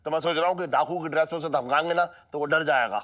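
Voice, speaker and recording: High, bright-voiced blustering man. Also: fast, lo-fi sound. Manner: blustering, loud comic outbursts. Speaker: seth character in comedy serial. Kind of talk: comic sitcom acting.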